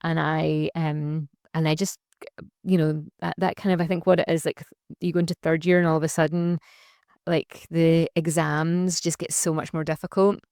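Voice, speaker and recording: A woman's voice: low-pitched, flat delivery, normal speed, a little mellow, dry recording, studio quality. A young adult woman, a social enterprise founder talking reflectively in a casual interview, with plenty of fillers and restarts. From Scotland.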